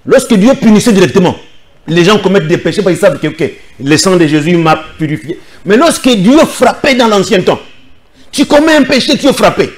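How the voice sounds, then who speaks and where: A political guest from the Democratic Republic of the Congo speaks in a high, animated, brisk voice. In a studio interview, he gives firm, insistent answers.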